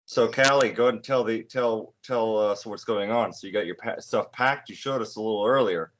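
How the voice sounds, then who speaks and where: A man in his twenties hosting a casual podcast chat, talking in halting bursts with many restarts. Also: lowish voice. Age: 20s. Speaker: podcast host. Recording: dull lo-fi recording.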